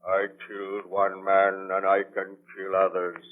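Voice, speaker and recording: A man plays an anguished, vengeful monster, a lonely man-made creature, in a 1930s radio drama, speaking threateningly in a portentous, declamatory manner. His voice is low, monotone and a little slow. The broadcast sound is tinny and band-limited, typical of the 1930s.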